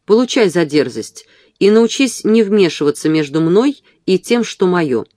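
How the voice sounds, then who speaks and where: A reader voicing a bellowing drunk brute of a gentleman. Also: mid-range voice, very animated, unhurried, no echo, clean studio sound. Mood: brutal. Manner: rough, bellowing, cursing. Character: drunken brutish gentleman, bullying and loud.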